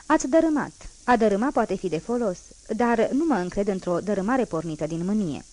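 A woman's voice: medium pitch, lively intonation, darkish tone, lightly acted. A woman reading as a stern old bishop. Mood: reproachful. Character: stern elderly male bishop, reproachful.

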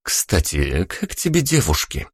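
A cocky, foul-mouthed young woman who mocks and orders people around, as a male audiobook reader puts her on. Her voice is raised well above a low male one and swings widely as she teases. The sound is dry and close. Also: big pitch swings, a little slow, dry recording, heavily acted. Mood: teasing. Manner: teasing, crude and bossy. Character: brash, mocking young woman, tough fighter. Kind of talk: audiobook character voice.

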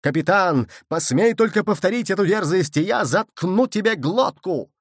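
A man's voice: on the high side, lively intonation, normal speed, no echo, clean studio sound. A man reading an audiobook and voicing Michel, a boastful, hotheaded adventurer who bellows his claims. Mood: roaring. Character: excited shouting male lunar adventurer. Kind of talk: audiobook character voice.

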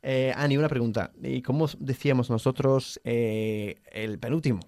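A man's voice: mid-range voice, fairly even intonation, moderate pace, a little mellow, no room sound, clean studio sound. A man teaching English, patiently correcting pronunciation and mixing with English. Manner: switches between Spanish and English. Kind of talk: language lesson drills.

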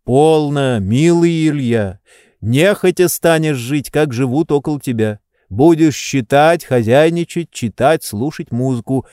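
A man voicing an energetic, warm-hearted male friend in a storybook reading, speaking earnestly and persuasively. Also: on the high side, measured pace, clean tone, no room sound, studio quality, voice pushed up.

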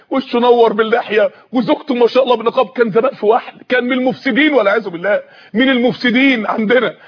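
A man with an Egyptian Arabic accent delivering an emotional sermon in story form, pleading and at times close to tears. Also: high voice. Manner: impassioned, pleading, voice breaking into tears. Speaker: preacher. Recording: muffled lo-fi recording.

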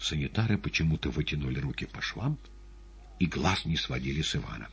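Casting: male audiobook narrator, low husky voice, lively dramatic reading. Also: fairly quick. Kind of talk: expressive literary narration.

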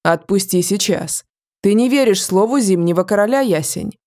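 A woman's voice: medium pitch, lively intonation, moderate pace, a little mellow, lightly acted. A woman voicing a proud, grim male fairy king in an audiobook, speaking curtly and darkly. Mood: pleading. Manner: grim, curt, through gritted teeth.

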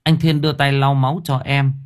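A man narrating a story in an expressive, dramatic way. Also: medium pitch, brisk. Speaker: audiobook narrator. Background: faint music bed.

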